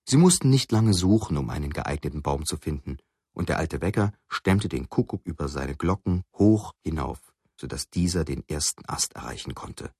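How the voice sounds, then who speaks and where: A man reading a children's story aloud with a very deep voice. His delivery moves a lot in pitch to bring the tale to life. It has a slightly husky edge and sounds dry and close. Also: moderate pace, dry recording. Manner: expressive, storytelling. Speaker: narrator. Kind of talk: scripted storybook narration.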